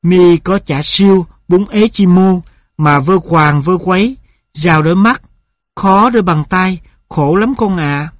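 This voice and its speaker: A man voicing a stern old father who scolds in a gruff way. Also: high voice, measured pace, dry recording, studio quality. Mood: angry.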